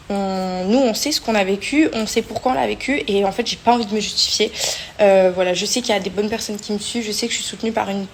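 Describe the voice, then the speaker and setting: A woman's voice: mid-range voice, slight background noise. A young woman vlogging casually, talking with many hesitations and fillers. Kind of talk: casual vlog chat.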